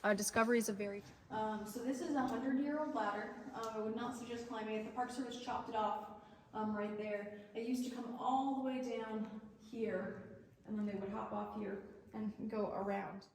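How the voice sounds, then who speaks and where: Tour guide woman, higher voice, cave echo, heard from across the cavern, chatty and wry. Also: steady tone, brisk, darkish tone. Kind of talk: casual joking tour talk. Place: underground cave, indoors. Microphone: distant camera mic. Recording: echoey cave from far off, faint hiss.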